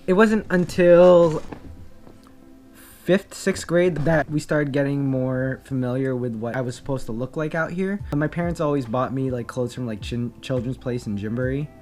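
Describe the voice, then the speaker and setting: A man's voice: medium pitch, normal speed, a little mellow, faint music behind. Reflective young man, candid story. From Philippines. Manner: candid, reflective, many fillers and restarts. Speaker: vlogger. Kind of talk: personal storytelling to camera.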